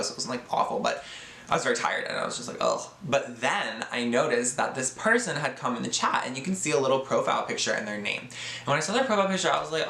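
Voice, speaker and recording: Young man, casual vlog story, filler-heavy, joking, bright voice, roomy echo. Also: mid-range voice. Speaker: YouTuber.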